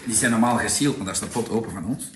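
Chatty Flemish man pitching products. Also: rapid-fire, a bit bright, roomy sound, slight background noise. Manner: chatty and persuasive, peppered with tag questions. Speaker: product presenter. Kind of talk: casual sales pitch.

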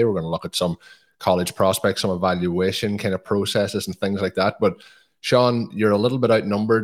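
A man from Donegal with a west of Ireland accent, hosting a podcast in a casual, chatty style. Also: low-pitched. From Donegal, northwest Ireland. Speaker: podcast host.

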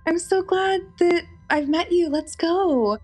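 A woman quoting a creepy stranger man in an overly familiar, sing-song voice, in a high pitch. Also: takes it slowly, darkish tone. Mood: fake friendly.

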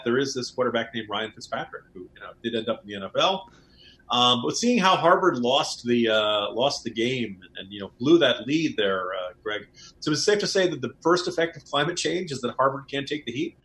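A man's voice: mid-range voice, brisk. A man co-hosting a political podcast, chatting casually with wry, sarcastic jokes. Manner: wry, joking, animated. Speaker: podcast co-host.

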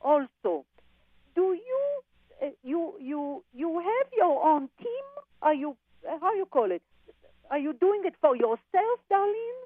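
A woman psychic medium heard over a phone line on a radio show, calling listeners darling and honey and pausing on fillers. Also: very high voice, big pitch swings, dry recording. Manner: calls people darling and honey, halting with fillers. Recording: tinny dry phone line.

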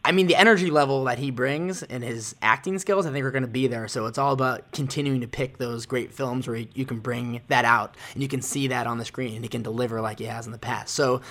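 A man's voice: mid-range voice, fairly even intonation, fairly quick, few pauses, a bit bright. A man co-hosting a podcast, giving earnest, upbeat opinions in casual banter. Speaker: podcast co-host.

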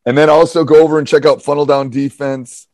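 A man's voice: on the high side, steady tone, a little fast, darkish tone. A man hosting a basketball podcast, rambling casually with lots of fillers and restarts. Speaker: podcast host, basketball coach.

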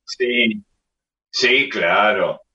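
A man, a radio host chatting casually and reminiscing in an unhurried way. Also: fairly low pitch, sharp tone. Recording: dull sound, distant mic.

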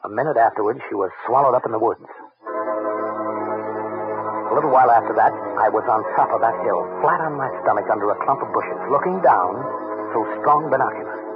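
An actor playing a plain-spoken American wartime secret agent in an old-time radio drama, with hard-boiled delivery. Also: male voice, medium pitch, a little fast, close to an everyday voice. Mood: tense, matter-of-fact. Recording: narrow tinny vintage radio, loud music.

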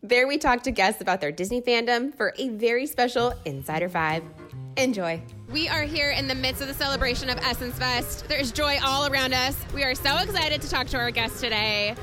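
A woman's voice: high voice, a little fast, over music. A woman hosting an entertainment show, upbeat and gushing as she interviews guests. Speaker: host.

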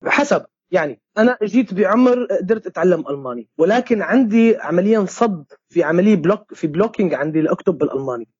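A playwright and theatre director from Homs, speaking with a Syrian Arabic accent, answering questions in a halting way with many restarts and English words mixed in. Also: male voice, sits high, expressive, darkish tone, breathy edge, no echo. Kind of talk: conversational interview answer. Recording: dull lo-fi sound.

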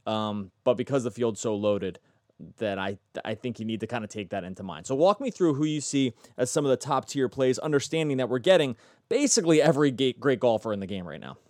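A man's voice: mid-range voice, expressive, brisk, darkish tone, dry recording, clean studio sound. A man hosting a sports betting podcast, chatty and self-correcting as he talks. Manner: chatty, self-correcting, asks guest questions. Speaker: podcast host. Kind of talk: casual podcast talk.

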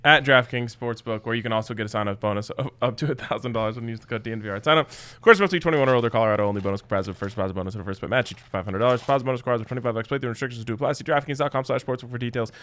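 An American man, a show host, reading a fast legal disclaimer in a rapid-fire, run-on recital of terms and conditions. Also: mid-range voice, a bit bright. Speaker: sports betting show host.

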